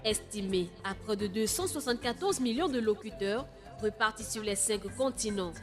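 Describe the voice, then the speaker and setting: A woman reads a scripted promotional announcement for a radio programme in an animated, mid-range voice at normal speed. Loud music plays as a bed beneath her voice.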